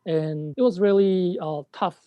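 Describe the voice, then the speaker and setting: A man's voice: high-pitched, steady tone, unhurried, smooth, dry recording. A man from Japan in his thirties, a social entrepreneur telling his personal story as an interview guest. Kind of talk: interview answer. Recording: dull lo-fi audio.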